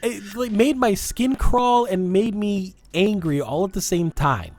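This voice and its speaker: A young man from Massachusetts with a Massachusetts accent, co-hosting a podcast in casual chat, rambling and animated with frequent restarts. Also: sits high, measured pace. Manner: rambling, animated, self-interrupting. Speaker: podcast co-host.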